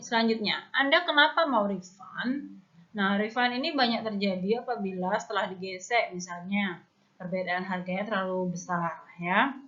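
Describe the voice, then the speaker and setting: In a dull, lo-fi recording, a woman with an Indonesian accent teaches an online Mandarin class. Her mid-range voice is a bit bright, and she explains patiently step by step, often ending phrases with "ya".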